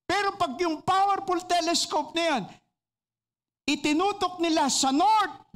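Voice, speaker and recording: A preacher with a Filipino accent giving a radio sermon, mixing English and Filipino and asking the listeners rhetorical questions. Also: mid-range voice. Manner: preaches with lively emphasis, stressing key words.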